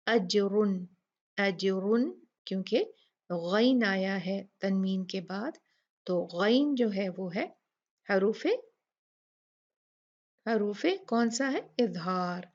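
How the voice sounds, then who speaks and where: A woman teaching Quran recitation rules, explaining patiently, repeating words slowly and asking rhetorical questions. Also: medium pitch, darkish tone. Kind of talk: slow explanatory lesson with recited examples. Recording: dull lo-fi recording.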